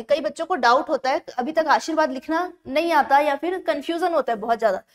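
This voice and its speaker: A woman teaching an exam-prep grammar lesson, explaining step by step and slowing down to spell words out syllable by syllable. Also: high voice. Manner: explains step by step, often checks in with the class.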